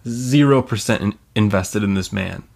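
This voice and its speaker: A young woman with a raspy, gravelly, just-woke-up voice like a smoker's, co-hosting a casual podcast and grumbling dryly. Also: rumbling low, moderate pace, darkish tone. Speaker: podcast co-host.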